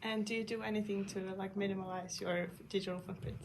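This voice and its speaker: A young woman interviewer asking short, brisk questions. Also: medium pitch, level tone, a little mellow, slight background noise. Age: teens or young adult.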